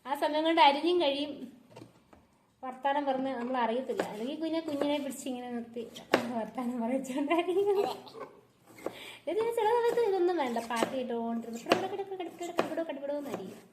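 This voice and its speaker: A quick-talking woman in her thirties from Kerala, chatting away to her viewers as she chops vegetables in her home kitchen. Her voice sits a little high and rings around the hard-walled room. There is a faint hiss under the recording from the phone set up on the counter. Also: expressive, reverberant. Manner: chatty, talks to viewers while chopping vegetables. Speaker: vlogger and mother. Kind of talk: casual chatty home vlog. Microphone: phone propped up without a stand.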